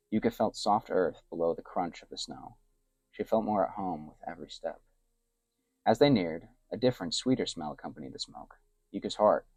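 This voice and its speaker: A man narrating an adventure story in a soft, hushed storytelling manner, dropping to whispers for characters' thoughts. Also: low-pitched, breathy edge, no echo.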